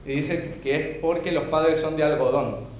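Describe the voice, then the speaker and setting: A man preaching a sermon as pastor, emphatic, with rhetorical questions, swinging between loud and hushed. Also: a little high, unhurried. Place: church hall. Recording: echoey church over a tinny lo-fi line.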